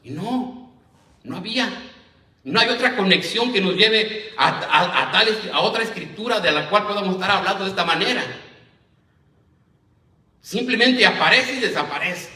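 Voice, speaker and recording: A man's voice: high-pitched, lively intonation, moderate pace, long pauses, pushed and bright. A man preaching a sermon as minister, reading scripture aloud and often asking his listeners "right?". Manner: addresses listeners as "hermano", asks "¿verdad?". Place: church congregation. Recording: echoey church, voice from a distance.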